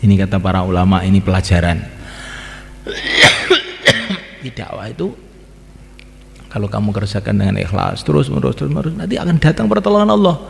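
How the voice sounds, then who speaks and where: A man's voice: lowish voice, vocal fry. A man preaching an Islamic sermon, repeating phrases and breaking into chanted lines. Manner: repetitive, sing-song chanting of call to prayer. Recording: reverberant hall.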